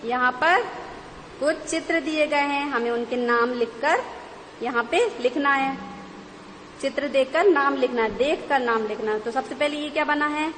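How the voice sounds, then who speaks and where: A woman's voice: high-pitched, moderate pace, fairly bright tone. A woman Hindi teacher giving an online lesson to young children, spelling words out piece by piece. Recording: long reverb, faint background noise.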